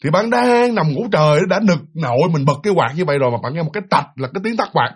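A man's voice: on the high side, lively intonation, fast, slightly rough. A man with a Southern Vietnamese accent telling a ghost story in a casual, chatty way, often repeating himself and speaking straight to his listeners. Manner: chatty, repetitive, addresses listeners directly.

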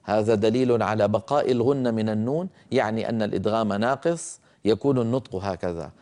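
A man's voice: fairly low pitch, warm tone. Patient man teaching recitation rules. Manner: patient, explains slowly, chants example words drawn out. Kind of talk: explanatory lesson with recited examples.

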